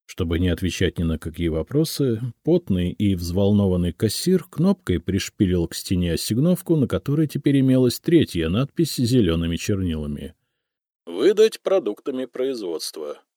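A man narrates a literary audiobook with a low, dark and mellow voice. His reading is theatrical and swings widely in pitch, recorded close and completely dry. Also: moderate pace, few pauses, no room sound. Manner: theatrical, lively storytelling. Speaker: audiobook reader.

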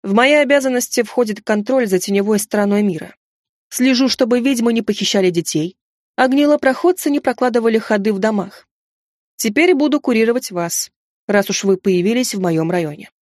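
A woman voicing a calm, formal male inquisitor who oversees the shadow side of the world, in a storybook reading. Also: a little high, no room sound, clean studio sound, close to an everyday voice. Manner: measured, formal.

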